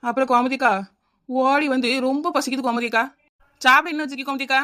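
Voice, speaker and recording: Chatty silly cartoon housewife, high voice, rattles on fast, kanyakumari tamil accent. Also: female voice, steady tone, pushed and bright. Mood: wheedling. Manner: chattering, wheedling, repeats the neighbour's name. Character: scatterbrained housewife Chinnaponnu, adult woman. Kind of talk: cartoon comedy dialogue.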